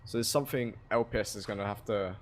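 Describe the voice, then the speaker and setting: A man's voice: fairly low pitch, quick pace, a little hiss or hum. A man co-casting a live esports match, giving loose analytical takes. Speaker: esports co-caster.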